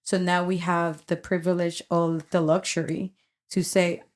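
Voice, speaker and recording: A middle-aged woman, a youth ministry leader, chatting on a podcast in an earnest, reflective way, often pausing and restarting her sentences. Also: on the low side, level tone. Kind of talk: casual podcast chat.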